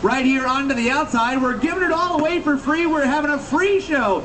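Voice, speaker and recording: High-pitched sword-swallower sideshow barker. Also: male voice, little pitch movement, fairly quick, bright, forceful tone. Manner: showman's barker patter, theatrical and emphatic, addressing the crowd. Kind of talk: live sideshow pitch to a street crowd. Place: busy street outside an attraction, later its lobby. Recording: distant mic, crowd around. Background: crowd.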